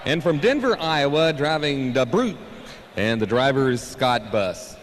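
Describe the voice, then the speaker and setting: A man of medium pitch calls line-ups as a tractor pull announcer at a live event. His voice carries long hall reverb, with faint noise behind it. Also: expressive, measured pace. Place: large indoor arena. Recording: reverberant arena PA, background noise.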